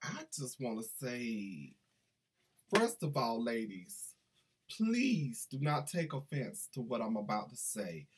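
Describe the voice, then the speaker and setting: A man's voice: medium pitch, huge pitch swings, slow pace, husky. A middle-aged man chatting enthusiastically through a casual book review vlog, recorded at his desk on a webcam in a small room. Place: small indoor room with banners.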